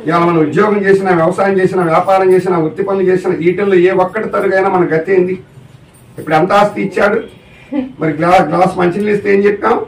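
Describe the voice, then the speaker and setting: A man's voice: sits high, steady tone, fast talker, gravelly, roomy sound, distant mic, a little hiss or hum, rough recording. A man giving a religious discourse to a live audience as a spiritual teacher, often putting questions to the listeners. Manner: keeps asking the audience questions.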